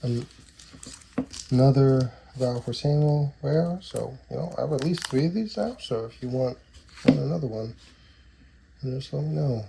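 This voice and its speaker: In this relaxed booster-box opening, a thirtysomething trading card collector with cold-induced nasal stuffiness reads card names aloud and drifts into rambling asides. His mid-range voice is expressive and creaky, at a moderate pace with long pauses. Clicks and card shuffling make the recording noisy.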